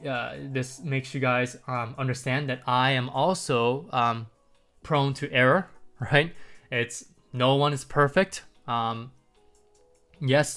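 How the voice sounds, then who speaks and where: His voice is medium in pitch, smooth and fairly bright, though a bit congested. He's a market commentary livestream host talking loosely to viewers, leaning on "um" and rhetorical "right?" and chuckling lightly as he goes.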